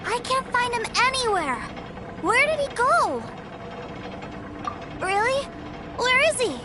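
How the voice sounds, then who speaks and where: A woman voicing an innocent, excitable little boy in a video game, wide-eyed and eager. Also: very high-pitched, takes it slowly, loud music behind the voice, full character voice. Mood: searching. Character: excitable, innocent little boy who adores his big brother.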